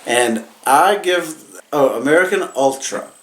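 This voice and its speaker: A man's voice: on the high side, lively intonation, takes it slowly, a bit bright, rough recording. A man who sounds drunk, giving a casual comedic movie recap as a reviewer, rambling, repeating himself and losing his thread.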